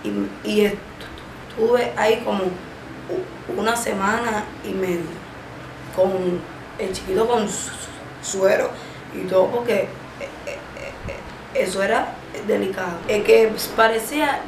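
A woman in her twenties with a Cuban Spanish accent gives personal testimony in an interview, stammering and halting with many drawn-out fillers. Her voice sits at a medium pitch. She is seated in a small indoor room, and the echoey recording carries background noise.

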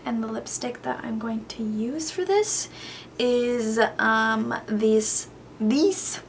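Young woman, makeup vlogger, gushing chatty tone, slightly gravelly, faint room noise. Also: a little high, a bit bright. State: tired. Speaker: beauty vlogger. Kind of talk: makeup tutorial.

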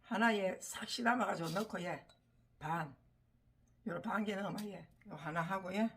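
A woman's voice: mid-range voice, moderate pace, slight background noise. Chatty older woman with a Gyeongsang accent. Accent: Gyeongsang Korean. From Gyeongsang region, Korea. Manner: chatty, teasing, laughs often, drops to soft murmurs. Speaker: vlogger, home caregiver. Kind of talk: casual morning chat to camera. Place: home, at the table with coffee.

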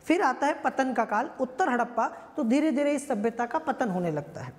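Speaking at a fairly quick clip, a high-voiced female history teacher gives an expressive exam-prep lecture. Conversational in manner, she repeatedly checks in with her audience, and her voice rings out with long reverb.

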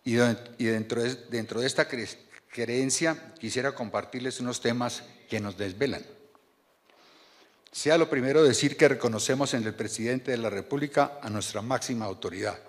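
A man, reading a measured and earnest formal speech from notes at a podium microphone in a large banquet hall. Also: mid-range voice. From Colombia. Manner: measured and earnest, reads from paper with small restarts. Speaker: board chairman giving a speech. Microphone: podium microphone on a stand.

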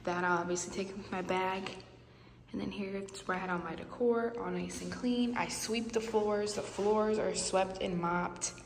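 A young woman with a lilt chatters quickly through a tour of her emptied apartment. She keeps repeating "here goes" as she points out each room. Her voice bounces around the bare rooms with a long, roomy echo, and steady noise sits underneath it. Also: mid-range voice. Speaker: vlogger. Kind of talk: casual vlog apartment tour. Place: empty apartment with bare hard floors. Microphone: handheld phone camera at arm's length. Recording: echoey empty rooms, noisy.

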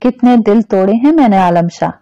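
A woman voicing a gentle, devoted young wife who talks softly and earnestly. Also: mid-range voice, animated, a little fast, dry recording, close to an everyday voice. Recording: dull, dry lo-fi recording.

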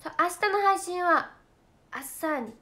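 A young woman with a Kansai accent chats casually to fans on a livestream. Her voice sits very high, and she is giggly and talkative, often slipping into quick impressions of her friends. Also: lively intonation, bright, forceful tone. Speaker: idol trainee streaming to fans.

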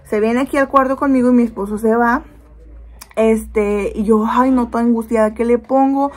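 A woman's voice: on the high side, moderate pace. A woman, chatting in a casual product review and telling stories animatedly with many fillers. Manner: animated storytelling with lots of fillers. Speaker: beauty product vlogger.

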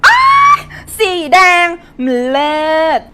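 A woman playing a loud, brash young shopper squealing over makeup. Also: high-pitched, very animated, fairly quick, heavily acted. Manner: brash and shrieky. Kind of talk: comedy skit.

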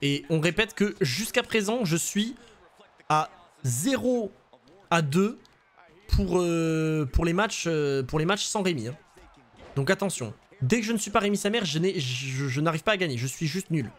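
A young male streamer talks over his game in a fairly high voice, jumping between excited outbursts and joking asides. He swears casually and often stops mid-sentence to fill the gap. The sound comes from a desk microphone at home. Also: measured pace. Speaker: gaming streamer. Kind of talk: casual live gameplay commentary.

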